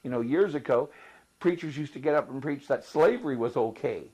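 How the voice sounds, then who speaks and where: A man's voice: mid-range voice, animated, a little fast, a little mellow, husky, rough recording. A male pastor, speaking in an interview in an emphatic, rhetorical sermon style. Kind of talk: interview, preaching tone.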